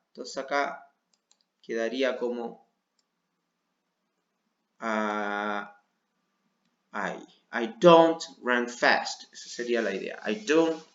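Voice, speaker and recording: A man with a Chilean Spanish accent teaching English to adults, walking patiently through a worksheet and checking in with his students often. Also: medium pitch. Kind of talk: explaining a worksheet. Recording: dull, roomy lo-fi sound.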